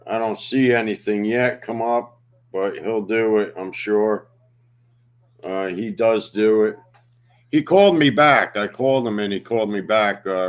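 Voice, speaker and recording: Man, fifties, livestream host, slow halting talk, lower voice. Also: clear, resonant tone. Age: 50s. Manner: slow, halting, many fillers. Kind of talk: casual livestream chat.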